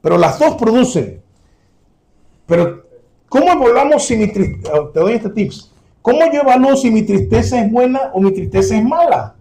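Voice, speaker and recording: A man's voice: extremely high pitch, expressive, moderate pace, creaky, dark tone. A man preaching a sermon to his congregation, earnest and direct, repeating his key points.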